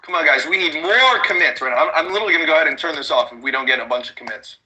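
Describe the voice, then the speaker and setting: Pushy, bright-voiced man pitching a webinar. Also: animated, very fast, a little hiss or hum, low-quality recording. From United States, Chicago suburbs. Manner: pushy, repeats rhetorical check-in questions. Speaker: online business trainer.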